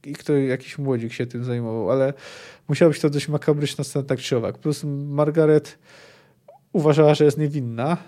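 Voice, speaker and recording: A man hosting a book podcast who talks in a hesitant, digressive way, filling his pauses with many "e" sounds. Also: on the high side, fairly even intonation, dark tone. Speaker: podcast host.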